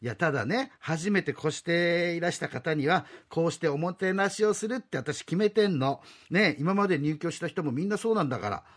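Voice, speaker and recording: Older landlady, sixties, coquettish and pushy, a touch high-voiced, as a male rakugo teller puts her on. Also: animated, a little fast, hardly any pauses. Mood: coaxing. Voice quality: coquettish, chatty, sing-song. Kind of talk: rakugo storytelling.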